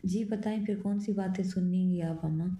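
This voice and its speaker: A woman's voice: mid-range voice, fairly even intonation, a little fast, warm tone, natural voice. Woman reading as a cocky, teasing young man. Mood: impatient. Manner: mocking, needling. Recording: roomy echo.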